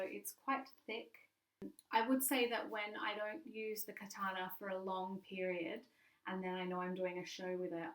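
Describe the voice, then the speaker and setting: Echoey, distant woman sword swallower explaining casually. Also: on the low side. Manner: informal, frank, explanatory, emphatic on key words. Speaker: sword swallower, stage performer. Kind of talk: casual show-and-tell to camera. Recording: echoey room, distant mic.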